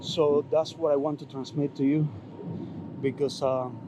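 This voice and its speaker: A man's voice: fairly high pitch, level tone, a little slow. A man giving fitness advice in a casual outdoor vlog, a bit out of breath, talking chattily with many fillers and restarts. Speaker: fitness vlogger. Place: outdoors, windy, by traffic. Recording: outdoor wind and traffic noise.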